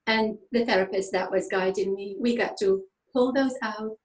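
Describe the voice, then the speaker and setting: A woman from Tunisia whose first languages are French and Arabic, a therapist explaining her work in lively conversation, laughing often and using many fillers. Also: medium pitch, moderate pace. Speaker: therapist guest. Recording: echoey room.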